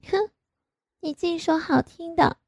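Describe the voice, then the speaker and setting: A woman's voice: extremely high pitch, slow, vocal fry, a little mellow, dry recording, studio quality, pitched above the performer's own voice, exaggerated voice. A woman voicing a coy, pouty young married woman in an audio story, speaking in a raised, wheedling voice.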